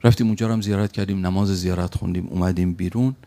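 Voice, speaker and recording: A man with a low, gravelly voice delivers a sermon as a story. He speaks emphatically and slips into the voices of the people he quotes. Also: steady tone, dark tone. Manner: recounts an anecdote with acted quotes, emphatic. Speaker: preacher.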